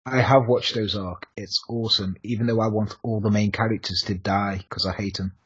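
A man's voice: fairly low pitch, steady tone, a little fast, breathy edge, highs cut off. A man co-hosting a podcast in casual chat, teasing with dry humor over a video call. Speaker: podcast co-host.

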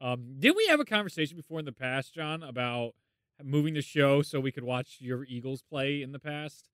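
A man's voice: medium pitch, animated, moderate pace, a bit bright, no room sound. A man hosting a podcast in casual chat, effusive and full of banter. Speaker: podcast host.

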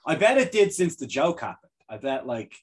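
Hoarse, sick man joking around. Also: on the high side, big pitch swings, moderate pace. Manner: laughs often, jokey rambling. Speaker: podcast co-host. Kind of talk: casual comedic banter.

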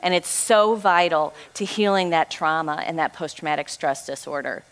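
A woman's voice: sits low, normal speed, fairly bright tone. A woman in her forties speaks to a church gathering in an earnest, exhorting manner, folksy and direct. She urges her listeners on and closes with a heartfelt prayer. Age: 40s. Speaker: ministry co-founder speaking to a church group. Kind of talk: encouraging church talk ending in prayer.

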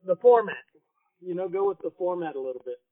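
A man hosting a casual podcast interview, talking loud and chatty with lots of ums, heard through a worn, muffled lo-fi recording from a faulty device. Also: sits high, lively intonation, brisk. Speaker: podcast host. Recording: dry, tinny phone-like recording.

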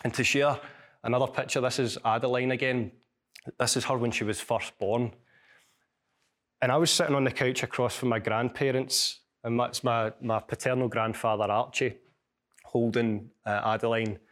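A Scottish lecturer and author with a strong Glasgow accent gives a university seminar, telling stories and reading a passage from his book. His voice is medium-pitched, steady and a little bright, and his delivery is measured, with small restarts.

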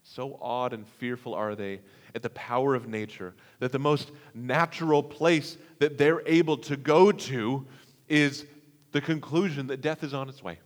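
A man's voice: mid-range voice, a little slow. Man preaching in a reverberant hall. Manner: dramatic swings between hushed and loud delivery. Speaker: pastor. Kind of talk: sermon.

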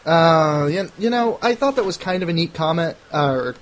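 A man's voice: on the high side, lively intonation, moderate pace, a little hiss or hum. Rambling man in a gaming podcast chat. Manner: rambling, stammers on restarts, self-mocking. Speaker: podcast co-host. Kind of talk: casual chat.

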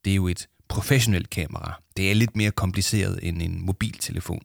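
A man's voice: sits low, steady tone, gravelly, dry recording, clean studio sound. A man reading a storybook aloud, voicing an easygoing, reassuring father. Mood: calm. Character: calm, patient middle-aged father.

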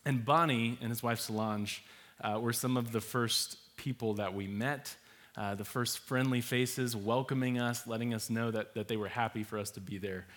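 Presenting slides of maps and photos, a young man leads a church talk in an easy, relaxed way. He laughs readily and leans on lots of fillers, speaking at a moderate pace with a medium-pitched voice.

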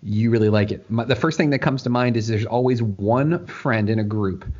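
A man's voice: on the low side, normal speed, a little mellow, dull audio. A man hosting a podcast in an informal, jokey, chatty way. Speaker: podcast host. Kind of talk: casual chat.

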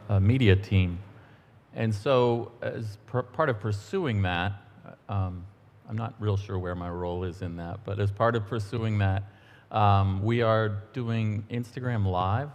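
A middle-aged man giving a relaxed, conversational sermon in church, telling stories with the odd um and aside. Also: on the low side, highs cut off. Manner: relaxed, storytelling, a few ums and asides. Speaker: church minister. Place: church sanctuary. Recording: long church-hall reverb.

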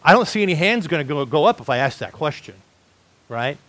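A man's voice: fairly high pitch, big pitch swings, a little fast, fairly bright tone, no room sound. A male pastor preaching a sermon in a conversational, emphatic way, often checking in with "right?" and "folks.".

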